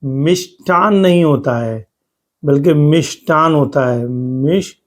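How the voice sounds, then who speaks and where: A man teaching exam spelling over slides, who repeats words slowly for stress and explains step by step. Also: a little high. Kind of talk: spoken lesson over slides.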